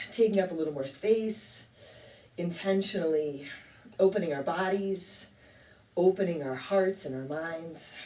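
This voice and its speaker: A woman teaching a yoga class, calmly calling out poses and breaths with a touch of self-deprecating humor. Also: on the low side. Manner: calm cueing with light self-deprecating humor. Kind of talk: guided yoga class instruction. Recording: echoey room, mic at a distance.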